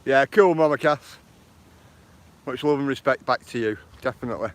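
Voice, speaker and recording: A man with a Lancashire accent talks at an even, middle pitch as he streams live from a phone on a walk. He greets viewers one after another in a friendly, slangy way, with faint noise outdoors. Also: normal speed. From northern England. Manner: chatty, greets viewers by name; uses slang like bro and bruv. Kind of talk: casual walking live stream. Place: outdoors by water.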